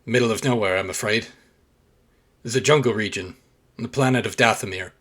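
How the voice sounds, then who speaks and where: A man narrating a tabletop role-playing game as game master. His voice sits fairly low, and he stops often on hesitant fillers while describing the scene. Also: fairly quick, a bit bright. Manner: frequent hesitant "um"s.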